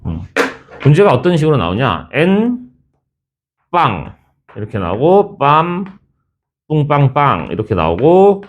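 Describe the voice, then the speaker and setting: A man's voice: on the high side, very animated, takes it slowly, pauses often, phone-quality sound, slight background noise. A male math teacher in his thirties, lecturing a class in a chatty, teasing way. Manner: chatty, teasing, switches between formal and casual speech.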